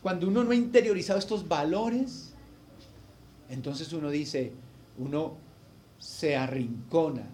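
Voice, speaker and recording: Man, pastor, high voice, preaching a sermon, rises to loud emphatic bursts then drops soft, faint room hiss. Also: a little slow, pauses often. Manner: emotional storytelling, swinging between loud emphasis and quiet asides.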